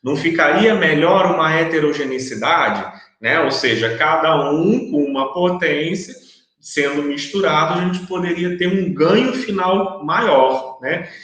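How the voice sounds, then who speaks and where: A man gives a recorded online university lecture at a measured pace, his voice a little high and a bit bright. He works through the material step by step, often checking understanding with tags, and the room is very echoey.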